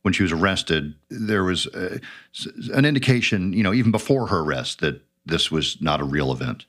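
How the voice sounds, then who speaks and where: A man hosting a true crime show, asking a reporter questions in a measured, conversational way. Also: deep voice, animated, fairly bright tone. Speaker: podcast host. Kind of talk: interview questions.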